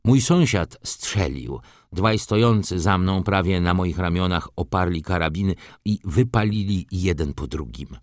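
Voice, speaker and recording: A man reading a story aloud in the first person, with expressive scripted narration. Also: low voice, measured pace, hardly any pauses, no room sound, clean studio sound. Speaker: audiobook narrator.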